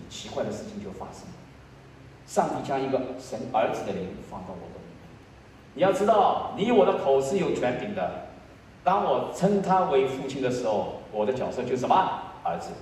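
Man in his sixties, pastor, lively pitch, hushed then surging sermon delivery, heard from far off in a roomy church. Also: slight background noise. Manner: swings between hushed low lines and loud high emotional peaks. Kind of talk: sermon with personal testimony. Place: church sanctuary. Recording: echoey church hall, voice from far off.

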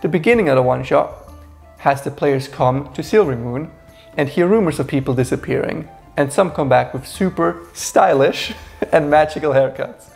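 Male co-host, 30s, sarcastic review chat, some vocal fry. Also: on the high side, normal speed, darkish tone, faint music behind. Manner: wry, sarcastic storytelling. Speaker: co-host reviewing a game adventure. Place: small indoor room with shelves.

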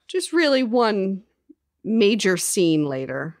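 A woman co-hosting a podcast, talking casually about a book in a lively, blunt way and swearing freely. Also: medium pitch, slow pace, dry recording, clean studio sound. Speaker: podcast co-host.

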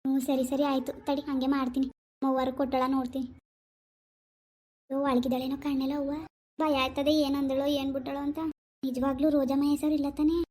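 A woman's voice: sits high, little pitch movement, quick pace, dark tone, lightly acted. A woman voicing Gowri, a timid pleading village daughter. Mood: nervous. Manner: nervous, pleading, tearful begging. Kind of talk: cartoon voice acting.

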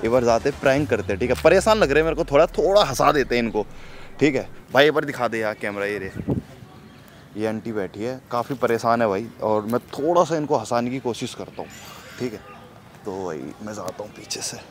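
A young man hosts a prank vlog outdoors in the cold. He talks at an ordinary middle pitch in a chatty, coaxing way and reassures the people he meets. He is recorded on a phone camera, with a faint hiss behind his voice. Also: expressive, a little fast. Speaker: prank vlogger. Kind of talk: casual vlog chat.

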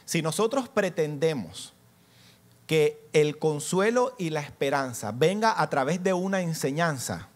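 A man preaching to a church congregation, animated, asking the listeners questions and acting out little scenes as he teaches. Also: on the high side, a little slow. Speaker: pastor.

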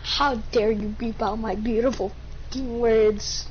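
A woman playing as a teammate in a shooter game, chatting with slow, mock-dramatic outrage. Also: on the high side, fairly even intonation, a little mellow. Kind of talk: casual gaming chat. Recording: lo-fi with faint noise.

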